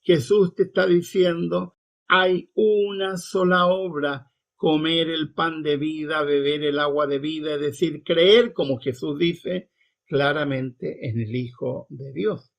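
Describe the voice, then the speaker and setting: A man delivers a sermon at an unhurried, deliberate pace, pausing over each phrase. His somewhat high voice has a gravelly, husky grain. He comments on scripture emphatically and repeats his points in a scolding way. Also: steady tone. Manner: reads quoted lines slowly and deliberately. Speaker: preacher and Bible teacher.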